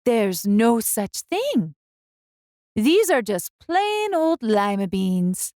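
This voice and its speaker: A woman voicing a kind, sweet old woman in a children's storybook, bright and gentle in manner. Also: fairly high pitch, sing-song, no room sound, clean studio sound, heavily acted. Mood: gently coaxing. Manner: bright, gentle, drawn-out delivery.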